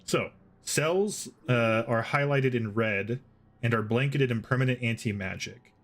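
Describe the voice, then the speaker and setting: A man's voice: medium pitch, a little slow, fairly bright tone. A man acting as game master, explaining rules and the map step by step to his players. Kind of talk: narrating a tabletop game.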